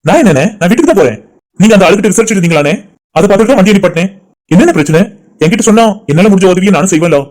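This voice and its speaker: A man voicing a concerned young man in an animated cartoon, pressing a friend with questions. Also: sits high, racing.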